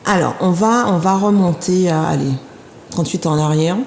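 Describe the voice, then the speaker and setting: A woman's voice: lowish voice, moderate pace, creaky. A woman hosting an interview, chatty and playful, repeating herself as she talks. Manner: warm, chatty, playful teasing with repeated words. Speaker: talk show host. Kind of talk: casual interview. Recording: echoey room with faint background noise.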